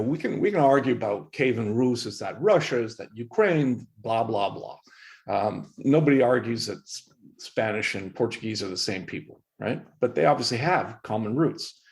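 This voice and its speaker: A middle-aged Canadian professor, appearing as a guest on a podcast, answers interview questions about history with earnest emphasis, often restarting his sentences. His voice is medium-pitched and a little mellow.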